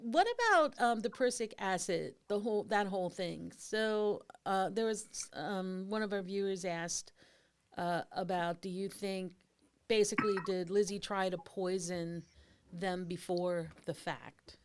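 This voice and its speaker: A woman hosting a casual discussion, asking long, rambling questions in an animated way. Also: medium pitch, unhurried, slight background noise. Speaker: host.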